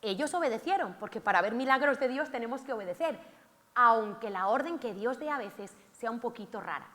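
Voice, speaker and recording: A woman's voice: fairly high pitch, lively intonation, fairly quick. A woman preacher giving a theatrical sermon in a church, acting out cries from the scripture. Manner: theatrical, shouts out acted cries of the lepers. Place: church hall. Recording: long hall reverb.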